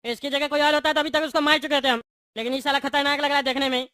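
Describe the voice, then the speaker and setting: A man's voice: very high voice, flat delivery, fast talker, sharp tone, no echo, studio quality. A voice actor playing a boastful but cowardly bald male politician in a cartoon. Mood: cowering. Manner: boastful, then pleading and whiny. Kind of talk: cartoon voice acting.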